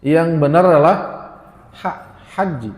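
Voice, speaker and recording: A man's voice: on the high side, a little slow, a little hiss or hum. A man, teaching a religious lesson on Quran recitation and chanting Arabic verses, often tagging his sentences with "ya". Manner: chants Arabic verses, then explains with frequent "ya". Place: prayer room. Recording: echoey prayer hall.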